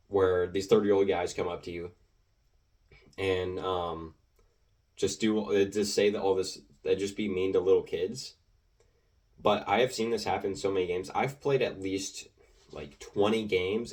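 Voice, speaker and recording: A teenage boy with a slightly low voice recounts his online matches in a loose, rambling way. He jumps between thoughts, fills gaps with ums and likes, and gets animated as he goes. The mic picks him up from a little distance. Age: teens. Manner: rambling, animated, full of filler words and restarts. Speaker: gaming video creator. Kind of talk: casual storytelling commentary.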